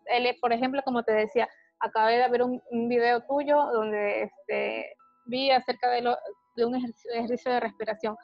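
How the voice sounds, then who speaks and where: A woman's voice: a little high, level tone, faint music behind. Hesitant woman on a dull lo-fi line. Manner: hesitant, halting, many restarts and fillers. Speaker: interviewee describing her panic attacks. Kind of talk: personal testimony in a conversation.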